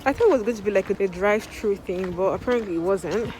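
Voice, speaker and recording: A woman's voice: medium pitch, fast, darkish tone, a little hiss or hum, low-quality recording. A woman vlogger chatting casually to her viewers, with informal, emphatic and repetitive wording.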